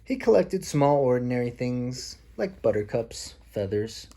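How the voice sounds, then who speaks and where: A father reads a picture book aloud to his child, explaining things simply and adding casual asides. His mid-range voice is warm, very animated, and unhurried. Faint background noise is audible.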